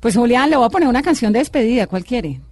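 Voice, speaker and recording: A man's voice: very high-pitched, expressive, quick pace, no room sound, clean studio sound. A man hosting a radio show, teasing his guest and prompting him with questions. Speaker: radio host. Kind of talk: casual radio chat.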